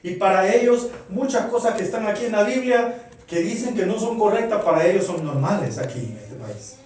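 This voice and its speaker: A man's voice: high-pitched, lively intonation, normal speed, darkish tone. A middle-aged man preaching a sermon to his congregation, earnest and full of rhetorical questions. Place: church. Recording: very echoey church, voice far from mic.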